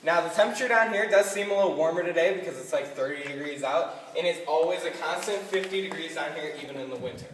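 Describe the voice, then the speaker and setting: A man with a fairly high voice leads an informal cave tour. His patter is dry and joking. The cave wraps his words in strong echo and a long reverberant tail, picked up some way from the mic. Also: fast, hardly any pauses, distant mic, slight background noise. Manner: joking, dryly humorous patter. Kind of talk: informal guided tour talk. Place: inside an underground limestone cave.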